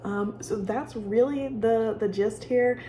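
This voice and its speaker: A woman giving casual, conversational instruction as she guides a calming exercise with personal examples. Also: a little high, slow, slight background noise. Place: office with sound machines nearby.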